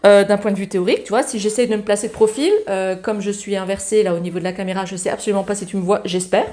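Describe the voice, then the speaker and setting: A woman's voice: medium pitch, steady tone, racing. A woman giving a casual ukulele lesson, talking in a chatty, familiar way while strumming along. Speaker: ukulele teacher. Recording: loud ukulele playing along.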